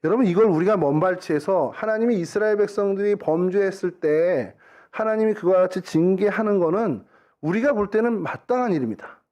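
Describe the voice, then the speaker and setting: A man's voice: high voice, fairly quick, darkish tone, dull audio. A middle-aged man preaching a sermon in a church, talking in an easy, conversational way and acting out little everyday dialogues. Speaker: pastor. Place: church sanctuary.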